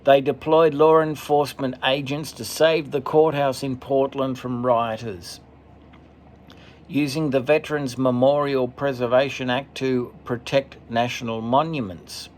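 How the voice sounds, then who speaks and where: A man's voice: mid-range voice, measured pace, slight background noise. Man reading a long list aloud. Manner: steady list-reading with occasional stumbles and asides. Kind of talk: reading from a screen, casual commentary.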